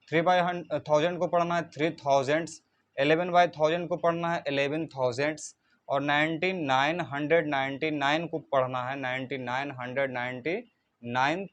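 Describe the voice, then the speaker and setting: A man teaching a math lesson in Hindi, reading out decimals digit by digit and slowing down as he writes them. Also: on the high side, muffled recording. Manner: spells numbers out digit by digit, slows when writing. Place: coaching centre classroom.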